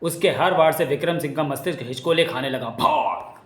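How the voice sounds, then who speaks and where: A man's voice: fairly high pitch, fast, soft background music. Man narrating a comic dramatically. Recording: echoey room.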